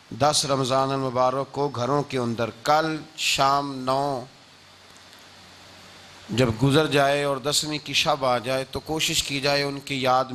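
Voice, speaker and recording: A man's voice: mid-range voice, sharp tone. A man preaching a religious sermon with Arabic recitation, talking emphatically and climbing to raised oratorical peaks.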